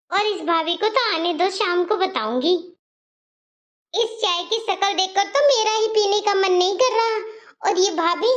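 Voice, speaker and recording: A woman's voice: extremely high pitch, fairly bright tone, highs cut off. A woman voicing a spoiled, bossy young married daughter in a cartoon story. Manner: complaining, bossy.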